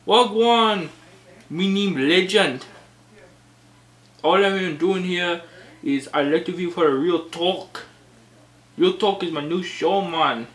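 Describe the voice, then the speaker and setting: A man voicing a laid-back male buddy who talks in Jamaican-style patois, slow and sing-song in a comedy skit. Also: high voice, fairly bright tone, voice pushed up. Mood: boastful. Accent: Jamaican-style patois, put on.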